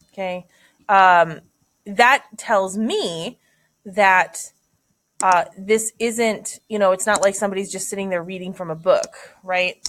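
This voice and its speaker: A woman's voice: fairly low pitch, fairly bright tone. A woman teacher thinking aloud through a literary analysis lesson, casual, with many fillers and "right?" checks.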